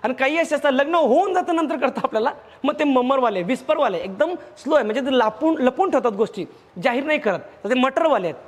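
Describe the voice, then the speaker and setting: A man's voice: very high-pitched, lively intonation, fast talker, long reverb tail. A man with a Marathi accent teaching vocabulary in a lecture, who repeats words in lists and asks himself questions.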